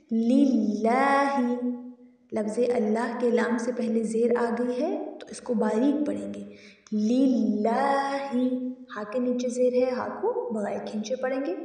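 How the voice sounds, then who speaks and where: A woman leads a tajweed lesson. She recites verses slowly and melodically, then explains pronunciation rules briskly. Her voice sits somewhat high and sounds distant, in a very echoey space. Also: warm tone. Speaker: Quran recitation teacher. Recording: echoey, distant, faint music.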